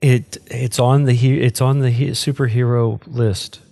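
A man's voice: mid-range voice, steady tone, unhurried, creaky, mellow, dry recording, studio quality. A man co-hosting a podcast in casual banter, teasing and pushy, sometimes talking with his mouth full. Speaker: podcast co-host. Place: Texas.

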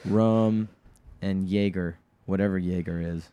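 A man's voice: sits low, steady tone, unhurried, mellow, clear, resonant tone, dry recording. A young man chatting casually with friends, laid-back and rambling, swearing freely.

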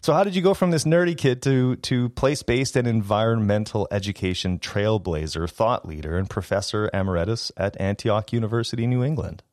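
A man's voice: on the low side, fairly quick, few pauses, darkish tone, no room sound, clean studio sound. A man with a French accent hosting an education podcast, eager and a little rambling, restarting his sentences. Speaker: podcast host. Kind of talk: podcast interview.

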